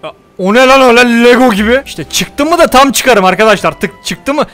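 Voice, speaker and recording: A man's voice: extremely high pitch, a little fast, faint music behind. A young man playing a survival game, joking and telling his viewers what he does. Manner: joking, exclaims and scolds the game loudly. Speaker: gaming YouTuber. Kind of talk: comedic let's-play commentary.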